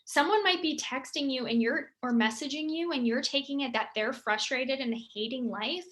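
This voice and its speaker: A bubbly young woman chats through a motivational talk for her team, laughing often. Her voice is high and bright, with a quick, forward sparkle. She keeps things light and friendly. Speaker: team leader.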